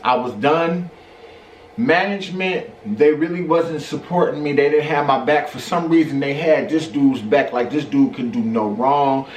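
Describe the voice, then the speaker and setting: A man tells a story to camera in a lively, slangy way and keeps throwing out rhetorical questions. His voice sits a little high for a man. He sounds a step back from the mic in an echoey room with faint ambience behind him. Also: normal speed, far from the mic, a little hiss or hum. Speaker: vlogger. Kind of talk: storytime vlog.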